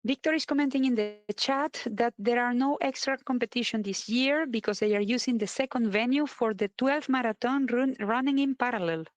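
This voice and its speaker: A woman with a Spanish accent, Spanish native, co-hosting a live stream in relaxed chat and often pausing to find words. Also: fairly high pitch, dry recording. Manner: relaxed, searching for words, frequent "eh" fillers. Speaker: co-host.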